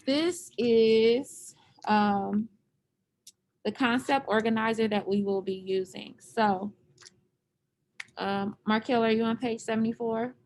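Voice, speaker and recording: A woman's voice: on the high side, steady tone, slow, pauses often, darkish tone. A woman teacher leading an online class, patiently explaining step by step over a computer microphone.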